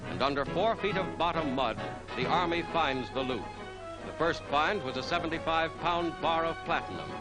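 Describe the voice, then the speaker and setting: Old newsreel narrator, man, higher voice, lively sing-song delivery, loud music under it. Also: poor audio. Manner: brisk announcer delivery.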